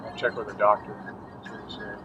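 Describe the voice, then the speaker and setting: A man's voice: fast talker, music in the background. A middle-aged man chatting casually in a laconic, matter-of-fact way, like a father reassuring his grown child. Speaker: father driving his son home. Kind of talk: casual conversation. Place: inside a car. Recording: muffled, distant, noisy car interior.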